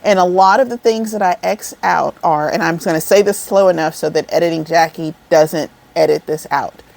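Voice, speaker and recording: Seated indoors above an air vent, a woman in her forties who makes crochet videos rambles to her viewers and addresses them as y'all. Her voice is lowish, gravelly and darkish in tone, at a normal speed.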